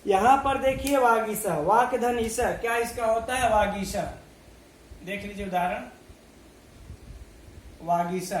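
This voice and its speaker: A man with a very high voice teaches grammar at an unhurried, deliberate pace, spelling out letters one at a time and posing questions he then answers himself. The recording is roomy and echoey, with a faint hum behind him. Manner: slow, methodical, recites letters one by one, asks and answers his own questions. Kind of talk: online video lesson. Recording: echoey room.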